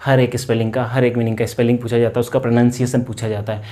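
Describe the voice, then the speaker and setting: Mellow-voiced Indian man teaching English grammar. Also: mid-range voice, level tone, rapid-fire. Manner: asks questions and answers them himself, repeats key words. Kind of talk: classroom-style grammar lesson.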